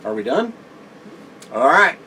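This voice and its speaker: A man co-hosting a casual RV vlog, chatting at length in a relaxed way from inside an RV. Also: fairly high pitch, unhurried. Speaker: RV vlog co-host. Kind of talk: casual chat. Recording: distant mic with steady background noise.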